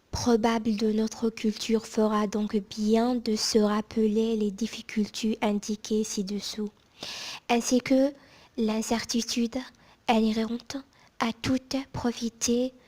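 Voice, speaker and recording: Woman in a slow library whisper. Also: on the high side, flat delivery. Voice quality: soft library whisper, mostly unvoiced. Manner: slow, hushed, careful delivery with small pauses. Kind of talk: whispered ASMR reading aloud from a book.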